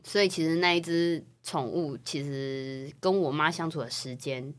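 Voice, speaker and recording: A young woman from Taiwan, co-hosting a casual podcast chat and telling personal stories in a chatty, animated way. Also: sits low, moderate pace. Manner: chatty, animated storytelling with rising excitement. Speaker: podcast co-host.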